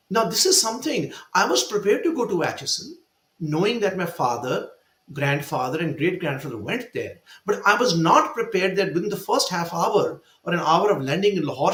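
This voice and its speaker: An Indian author with a high-sitting voice shares personal stories emotionally and animatedly during an online discussion. The sound is roomy, captured over a video call at a virtual event.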